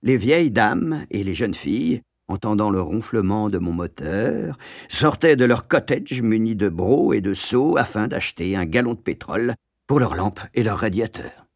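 Calm low-voiced male audiobook narrator. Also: moderate pace, no echo, clean studio sound. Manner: calm, storytelling delivery.

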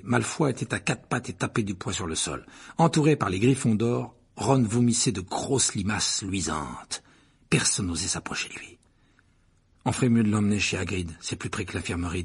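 A man narrating an audiobook in an expressive, animated reading. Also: on the low side, breathy edge.

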